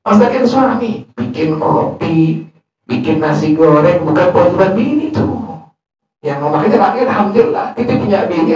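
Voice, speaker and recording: A man preaches a lesson, slipping between casual jokes and slow Arabic recitation. His voice sits a bit high. He sounds far from the mic, with heavy echo filling the prayer hall. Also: darkish tone. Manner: humorous, colloquial storytelling with Arabic recitation. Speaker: religious teacher. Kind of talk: sermon.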